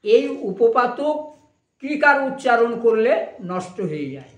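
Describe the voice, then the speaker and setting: High-voiced man preaching slowly. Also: big pitch swings, roomy sound, muffled recording. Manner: slow, measured explaining with sung verse lines. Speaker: kirtan and katha preacher. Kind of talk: devotional sermon with recited verses.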